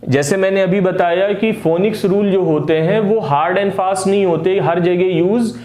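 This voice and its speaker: A man explains English phonics rules in a patient teaching tone, pausing often with "uh" fillers. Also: high-pitched, a little mellow, echoey room. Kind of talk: explaining lesson.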